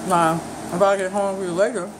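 A woman's voice: mid-range voice, fairly even intonation, moderate pace, noisy background. Woman talking with her mouth full. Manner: chatty, talks straight to viewers. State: talking while chewing. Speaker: food vlogger. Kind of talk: casual eating vlog chat.

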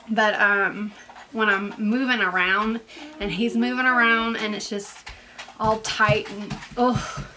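Breathless, chatty young woman with a bright voice. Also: mid-range voice, slight background noise. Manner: chatty and rambling, full of "like" fillers. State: congested from sinus allergies. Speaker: vlogger. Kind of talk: casual pregnancy update vlog.

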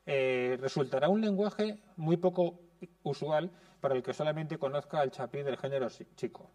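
A man giving a prepared lecture in a conservatory classroom, speaking in a measured, explanatory way. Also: fairly high pitch, a little mellow, far from the mic.

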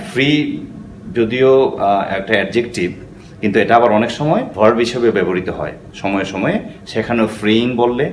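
A man's voice: medium pitch, echoey room, a little hiss or hum. A man gives a patient English lesson, often checking in with "okay?" and mixing English phrases into his explanations. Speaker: English teacher.

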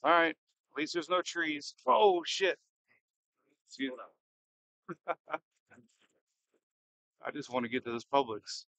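Bright-voiced man, edgy live storm-chaser commentary. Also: a little high, measured pace, long pauses, no room sound. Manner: excitable, edgy, thinking aloud with repeated questions. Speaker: storm chaser and livestream host. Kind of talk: casual live commentary while driving. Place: inside a moving car in a storm.

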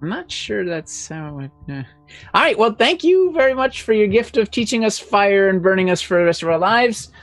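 Animated man playing a tabletop game. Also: high voice, moderate pace, no room sound. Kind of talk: casual in-character game chat. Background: music.

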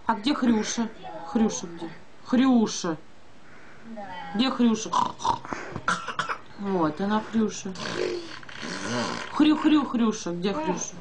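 A woman's voice: medium pitch, slow, long pauses, noisy background. A woman reading and singing to a toddler, in a sing-song, child-directed way with simple repeated questions and animal sounds. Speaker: mother. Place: dim room at home. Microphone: handheld phone nearby.

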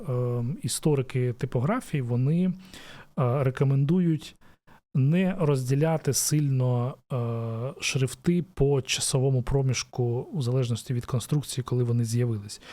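A man's voice: medium pitch, mellow. A man explaining a design topic in a casual lesson, thinking aloud with frequent fillers and restarts. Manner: thoughtful, many "e" fillers and restarts. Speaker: design educator.

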